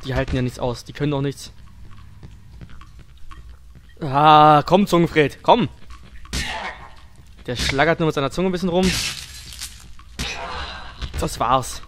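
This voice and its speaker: Male let's player, scared and jumpy horror game commentary, fairly high-pitched, crude casual slang, noisy background. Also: slow, long pauses. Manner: crude, slangy, self-deprecating joking. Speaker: let's play streamer.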